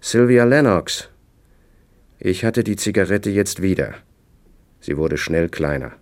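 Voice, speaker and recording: A man reading a novel aloud in the first person, with measured, dry storytelling. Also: low voice, darkish tone. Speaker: audiobook narrator. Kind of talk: scripted first-person narration.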